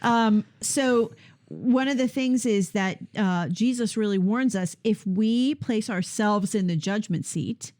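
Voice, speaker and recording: A woman's voice: mid-range voice, slow pace, darkish tone. A woman hosting a Bible discussion, explaining passages in a conversational way and correcting herself as she goes. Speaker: host leading a Bible discussion.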